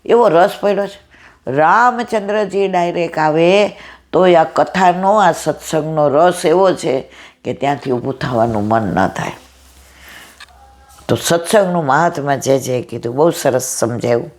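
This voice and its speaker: A middle-aged woman with a loud, powerful voice, giving a devotional storytelling discourse and acting out the dialogue in her stories. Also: sits low, unhurried. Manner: retells stories with quoted dialogue. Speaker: satsang speaker.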